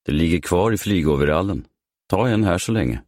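Man voicing charming male pilot, breezy, offhand, deep dry voice. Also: lively intonation, a little mellow, no echo. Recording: dry close studio sound.

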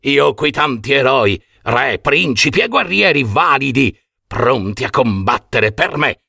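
A man voicing a furious, greedy ancient king who shouts his demands indignantly, in a storybook reading. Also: mid-range voice, animated, a little slow, vocal fry, husky, no room sound, studio quality, full character voice. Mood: angry.

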